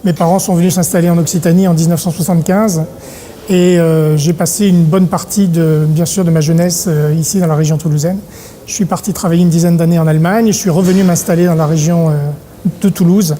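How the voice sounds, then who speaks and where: A middle-aged man from Paris, an event organizer talking in an interview, pausing often on filler sounds. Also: fairly high pitch, steady tone, mellow, slight background noise. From Paris, France. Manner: hesitant, many filler sounds. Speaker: congress organizer. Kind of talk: interview monologue.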